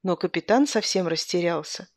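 A woman's voice: fairly low pitch, moderate pace, no echo. Woman reading a humorous story. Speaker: narrator.

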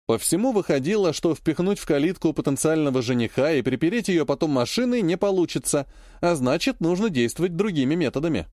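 A man narrating an audiobook in the first person with an expressive reading. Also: on the high side, brisk, dry recording, clean studio sound.

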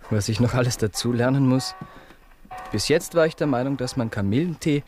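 An actor playing a gentle, soft-spoken young man in a radio play. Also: medium pitch, a little fast, music in the background, lightly acted.

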